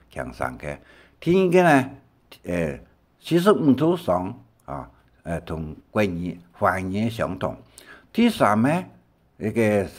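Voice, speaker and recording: Older male language teacher, rambling and unhurried, low-pitched with lots of melodic movement. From Taiwan. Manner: slow, rambling explanations with many fillers and repetitions. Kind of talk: recorded language lesson.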